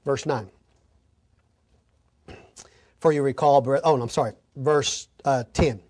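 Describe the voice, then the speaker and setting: A man's voice: medium pitch, steady tone, slow, darkish tone. A man preaching an expository sermon, reading scripture aloud and then explaining it with folksy stories and asides.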